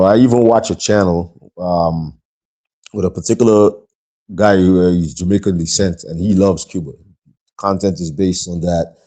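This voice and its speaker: Guyanese guy hosting his podcast solo, deep mellow voice, lots of um and right, just rambling along. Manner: rambling, conversational, frequent fillers and asides to viewers. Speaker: podcast host. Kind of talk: casual solo podcast monologue.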